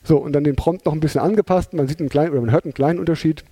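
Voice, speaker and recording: Mellow-voiced man giving a chatty talk. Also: a little high, very fast, slightly rough, dry recording. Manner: chatty, many fillers and tag questions. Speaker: presenter. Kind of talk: conversational lecture.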